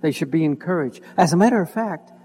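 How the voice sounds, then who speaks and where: A male pastor preaching an expository sermon, pausing with "uh" and restating points in plain words. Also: a little high, expressive, warm tone, breathy edge. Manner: expository, frequent "uh" and "in other words" asides. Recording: long hall reverb.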